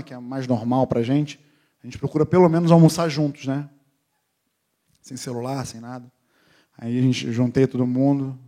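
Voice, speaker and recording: Male preacher, middle-aged, animated storytelling, slightly high pitch. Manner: animated storytelling, acts out voices of family. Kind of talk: sermon with personal story.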